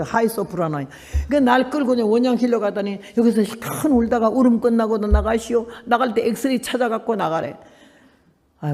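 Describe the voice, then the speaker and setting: Animated woman in her eighties preaching. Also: big-room sound. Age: 80s. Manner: animated storytelling, acting out quoted people with big swings in pitch and loudness. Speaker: missionary preacher. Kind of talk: testimony sermon.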